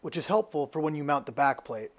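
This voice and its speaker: A man presents an installation tutorial, giving scripted narration that explains each step clearly. His voice is on the high side, expressive and fast.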